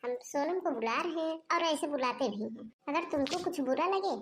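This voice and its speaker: A bossy, scheming mother-in-law in a cartoon, voiced by a woman. She scolds in a high, bright voice. A faint hiss sits under the speech. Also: animated, moderate pace. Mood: scolding. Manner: scolding, shouting for her daughter-in-law. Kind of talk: cartoon dubbing.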